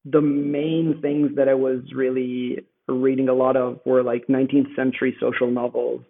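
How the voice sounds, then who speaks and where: On a tinny, phone-like remote call from his home in Rome, a man who speaks Italian as his first language talks thoughtfully as a guest author in a conversational interview. His medium-pitched, creaky voice is flat in delivery and moderate in pace, and he uses many fillers and restarts.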